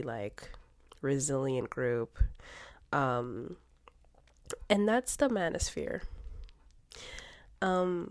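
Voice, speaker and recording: Stuffed up with a cold, a young podcast host talks alone in a relaxed, rambling way, often restarting and using lots of fillers. Her voice is low-pitched and a little mellow.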